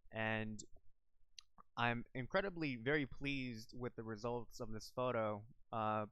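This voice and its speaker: A young Filipino man streams live from home about an online game, chatting casually into a desk microphone and rambling with plenty of fillers and restarts. His mid-range voice is slightly bright and clean, with no echo.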